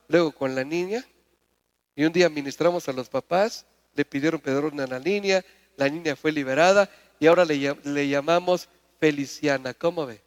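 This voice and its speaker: A man with a high voice preaching to a congregation, his words ringing through a reverberant church hall. He keeps asking the crowd questions and pushes his voice up in pitch and volume to drive each point home. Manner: preaching with call-and-response questions, climbing loud and high. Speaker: pastor. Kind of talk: sermon.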